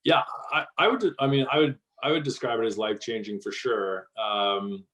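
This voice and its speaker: A man's voice: mid-range voice, moderate pace, a bit bright, poor audio. A man answering interview questions about his company in a casual way, with many fillers and restarts. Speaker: guest, company co-founder.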